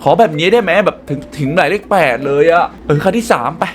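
Excitable man commenting on a game. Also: on the high side, fast, slight background noise. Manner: excitable, exclaiming and talking to viewers. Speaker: gaming channel host. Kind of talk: let's play commentary.

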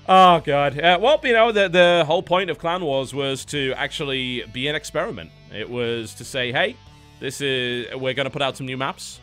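A British male esports caster with a bright, forceful voice, rattling through upcoming matchups with hyped energy. Faint music plays underneath him. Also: medium pitch, moderate pace. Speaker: esports caster and show host. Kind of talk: post-match commentary wrap-up.

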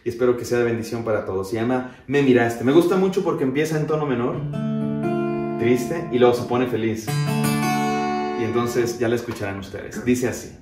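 A young adult man, a pastor, talking quickly and with enthusiasm and then singing with an acoustic guitar in a living room. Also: medium pitch. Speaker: pastor and singer-songwriter. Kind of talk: casual introduction and singing with guitar. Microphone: far camera. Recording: echoey room, loud guitar.

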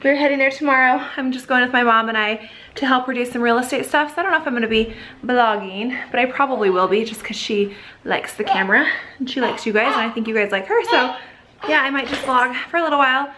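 Woman vlogger, high voice, chatty and gushing, echoey home room. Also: quick pace, background noise. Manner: chatty, gushing, coos at the kids. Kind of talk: casual vlog chat.

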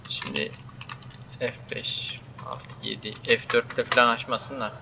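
A young man giving loud, joking commentary while playing a game, swearing and shouting at the characters on screen. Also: medium pitch, animated, measured pace, creaky, dull audio, noisy background. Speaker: gaming YouTuber. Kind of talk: casual gameplay commentary.

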